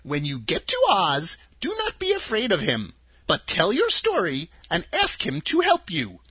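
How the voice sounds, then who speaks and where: A storyteller voicing a kindly little old female witch in a high, gentle, lilting voice for a storybook reading. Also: wildly swooping pitch, a little slow, slightly rough, no echo, exaggerated voice.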